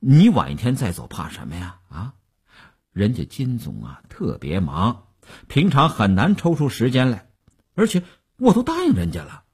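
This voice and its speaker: A man's voice: medium pitch, wildly swooping pitch, normal speed, slightly rough, exaggerated voice. A man reading a radio novel aloud, voicing a boastful, self-satisfied male stock speculator who chuckles and coaxes. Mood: pleading. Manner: bragging, chuckling, coaxing.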